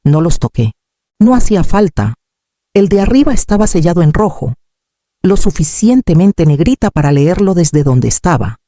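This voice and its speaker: A woman narrating a scripted story in a calm, measured way. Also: lowish voice, no room sound, clean studio sound.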